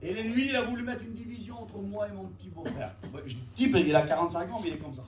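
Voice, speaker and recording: A high-pitched man delivers a sermon with emphatic, repetitive phrasing that climbs to shouts at its peaks. He is picked up from some distance, and the church room around him is echoey. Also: quick pace, noisy background. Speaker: preacher.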